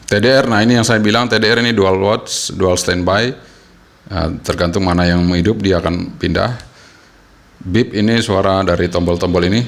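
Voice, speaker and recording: A man explaining radio settings step by step in a casual tutorial, often pausing with hesitations. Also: fairly low pitch. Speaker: radio equipment reviewer.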